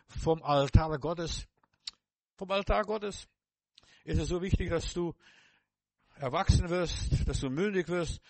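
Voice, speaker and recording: Fervent older German-speaking preacher, dry sound. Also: male voice, on the high side, no echo. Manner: fervent, repetitive, addresses listener directly. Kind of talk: sermon.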